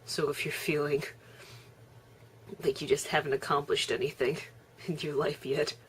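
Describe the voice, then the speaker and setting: A woman's voice: low voice, flat delivery, moderate pace, a little hiss or hum. A young woman chatting casually on her video blog, laughing often and chewing as she talks. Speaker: vlogger. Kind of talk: casual vlog chat.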